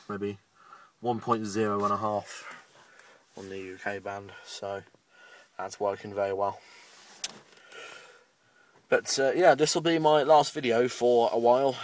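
A British amateur radio enthusiast gives a casual, rambling video update from a parked car, keeping things matter-of-fact. His lowish voice has fairly even intonation at a normal pace. It is recorded from a distance, with a slight hiss or hum.

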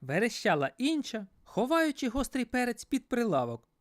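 Woman storyteller, fairy tale narration, playful with a lively melody. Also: on the high side, normal speed. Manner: playful, expressive.

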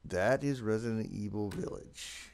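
A man's voice: on the low side, unhurried, creaky, darkish tone. A man giving casual gameplay commentary as a channel host.

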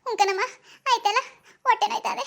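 A woman's voice: extremely high pitch, fairly even intonation, a little fast, vocal fry, pitched above the performer's own voice, heavily acted. A woman doing a whimpering pregnant young woman. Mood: pained pleading. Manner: whimpering, pleading, soft. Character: young pregnant village woman in labour pains. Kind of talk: cartoon voice acting.

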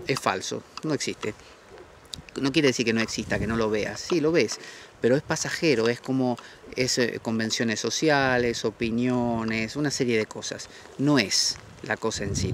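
A man giving a thoughtful, reflective spoken talk, pausing often and restarting his sentences. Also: mid-range voice, slight background noise. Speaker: host. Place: outdoors at a monastery retreat.

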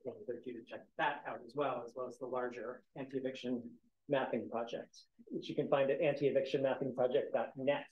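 In an echoey university lecture hall, a man moderates a panel, reading speaker bios with light asides and self-deprecating humor. His voice is medium-pitched and steady, a little fast, and the audio sounds dull.

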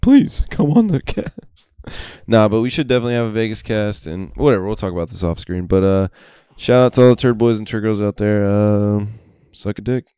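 A man's voice: on the low side, steady tone, fast talker, hardly any pauses, mellow, clean tone, no room sound, studio quality. A young man co-hosting a podcast, swearing and laughing through crude casual banter. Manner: profane, laughing, riffing. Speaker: podcast co-host.

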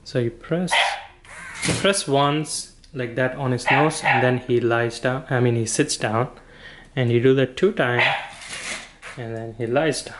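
A man giving a casual hands-on product demonstration, halting and informal as he thinks aloud. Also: mid-range voice, very noisy. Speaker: product reviewer. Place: indoor room with wooden floor.

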